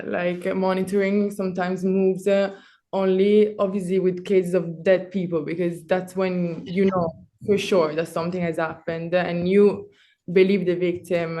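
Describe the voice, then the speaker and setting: A woman's voice: fairly low pitch, flat delivery, dark tone. A young woman in the audience asks a long, rambling question, full of "like" and fillers. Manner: rambling, fast, many likes and fillers. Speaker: audience member asking a question. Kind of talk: question from the floor.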